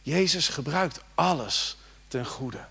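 A man preaching a sermon, moving between quiet reflection and loud, rising exhortation and speaking directly to his congregation with rhetorical questions. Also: fairly high pitch, takes it slowly, creaky, breathy edge. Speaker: pastor.

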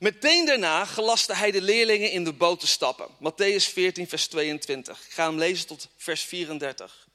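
Fervent preacher in a reverberant hall. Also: male voice, sits high, moderate pace, bright, forceful tone. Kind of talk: sermon with scripture reading. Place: church hall with congregation. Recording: long reverb of a church hall.

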